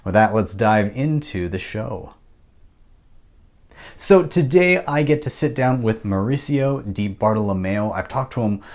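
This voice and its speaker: A man's voice: on the low side, expressive, unhurried, darkish tone. A man in his thirties hosting an interview, upbeat and conversational, speaking from a home office into a studio mic. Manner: upbeat, conversational, with filler words. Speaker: podcast host. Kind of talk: casual interview. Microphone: studio mic with headphones.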